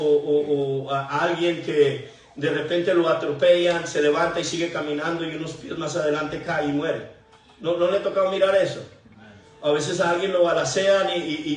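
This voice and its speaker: A middle-aged pastor gives a halting testimony sermon, often repeating his words. His voice sits high for a man. It is heard from far off in a very echoey church. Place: church sanctuary.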